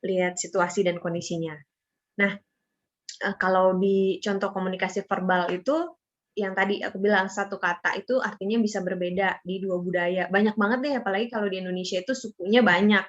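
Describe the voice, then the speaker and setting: A woman's voice: medium pitch, steady tone, brisk. Chatty young woman explaining, lo-fi sound. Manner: chatty, with many fillers and tag words. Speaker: student presenter. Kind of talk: casual explanatory presentation.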